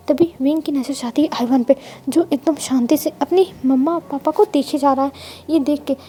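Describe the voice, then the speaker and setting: A woman's voice: high-pitched, mellow. A woman casually retelling a fanfiction story, chatting to listeners as friends. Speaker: fanfiction narrator.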